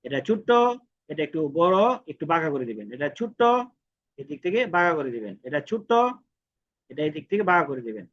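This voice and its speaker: A man's voice: on the high side, big pitch swings, fairly quick, breathy edge, highs cut off. A man teaching a writing lesson step by step, patiently repeating strokes and counting them aloud. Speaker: Japanese language teacher.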